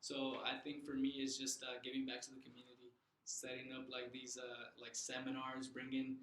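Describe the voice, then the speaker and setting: Young male interviewee, earnest, halting with fillers, bright voice, echoey room. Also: mid-range voice, completely flat delivery, a little hiss or hum. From Southern California. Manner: earnest, many fillers and restarts. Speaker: loan officer guest. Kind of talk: casual interview.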